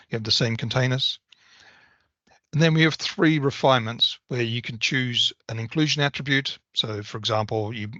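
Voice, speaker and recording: A bright-toned man on a video call. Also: mid-range voice, dry recording. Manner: methodical, explanatory. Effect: video call audio. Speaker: software presenter. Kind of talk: technical product walkthrough. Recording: slightly dull video call audio.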